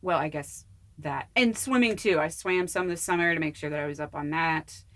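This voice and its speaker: A woman's voice: deep voice, moderate pace, a bit bright. A young woman actor as a podcast guest, chatting casually in an earnest, enthusiastic way. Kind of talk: casual chat.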